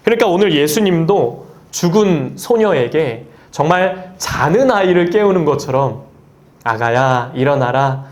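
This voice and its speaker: A man's voice: high voice, lively intonation, moderate pace, hardly any pauses, a little mellow. A man preaching a Sunday sermon as pastor, quoting scripture earnestly and lifting his voice on key phrases. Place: church sanctuary.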